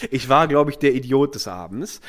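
Man telling a story in casual chat, lively, does little voices for people. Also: medium pitch, normal speed. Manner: animated, acts out quoted voices, many fillers. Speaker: storyteller guest.

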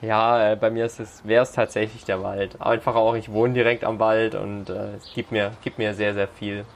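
A man's voice: on the low side, little pitch movement, moderate pace, creaky, slight background noise. A man hosting a sports podcast in casual chat, hesitant with many fillers. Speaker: podcast host.

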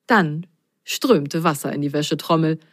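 A woman reading a children's story aloud in a slow, expressive storyteller manner. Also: low-pitched, no room sound, clean studio sound.

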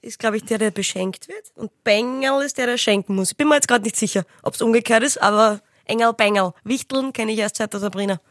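A young woman from Lower Austria with a regional accent and a slightly nasal, rough voice, co-hosting a casual chat podcast with deadpan, mock-stern teasing. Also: a little fast, hardly any pauses, no echo, clean studio sound. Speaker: podcast co-host.

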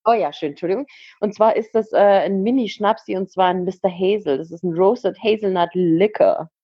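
Giggly, husky woman chatting on a call. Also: medium pitch, normal speed, no echo, dull audio. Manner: giggly, chatty, playful teasing. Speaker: podcast co-host. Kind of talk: casual chat over video call. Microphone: video call.

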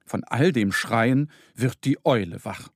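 A man reading a children's story aloud in an expressive, lively scripted narration. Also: mid-range voice, takes it slowly, dry recording, studio quality.

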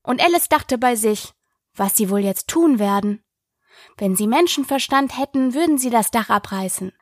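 Woman, storybook narrator, steady clear reading, fairly high voice, dry close sound. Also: moderate pace, no echo. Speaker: audiobook reader.

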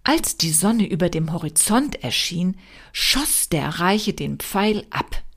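A woman reads a folk tale aloud at a slow, deliberate pace. Her pitch moves in wide, animated swings over a fairly low voice. She leans into dramatic pauses and drops to near-whispers for effect. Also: breathy edge. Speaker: storyteller.

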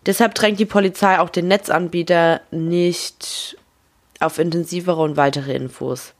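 A woman's voice: lowish voice, steady tone, measured pace. A woman casually narrating a true crime case, reading quoted phone dialogue aloud with small slips and casual asides.

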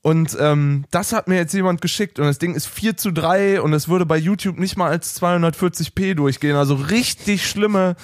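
A man's voice: a little high, normal speed, few pauses, no room sound, clean studio sound. A young man co-hosting a podcast, joking casually and poking fun at himself. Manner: self-mocking, joking. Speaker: podcast co-host.

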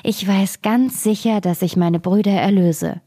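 A woman voicing a brave, tender-hearted young princess in a fairy tale, speaking softly with a pleading tone. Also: medium pitch, a little slow, breathy edge, no room sound, studio quality.

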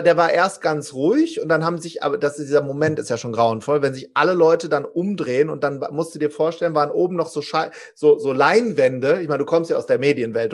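A man in his forties telling a story as a podcast guest, animated, acting out quotes and restarting often. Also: on the high side. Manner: lively, acts out quotes, many restarts.

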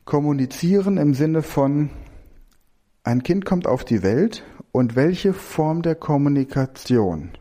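A man teaching a lesson, thinking aloud as he builds mind maps, correcting himself and reciting lists of verbs in a steady rhythm. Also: a little high, takes it slowly.

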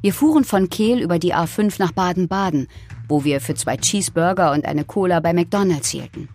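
A woman's voice: on the low side, normal speed, a little mellow, soft background music. A woman telling a true-crime story in scripted first-person narration.

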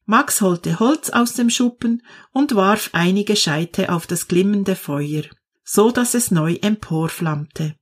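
Female narrator, slow, calm storybook read, mid-pitched voice. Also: slightly rough. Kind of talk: storybook reading.

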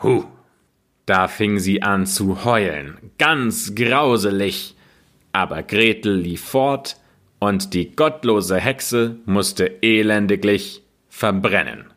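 A man narrating a fairy tale in a slow, expressive reading. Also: fairly low pitch. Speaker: storyteller.

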